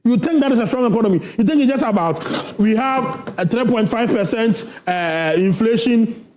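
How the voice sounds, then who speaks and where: A Ghanaian man arguing as a political panelist in a heated studio debate, loud and emphatic, repeating rhetorical questions. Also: very high voice, normal speed, roomy sound, slight background noise.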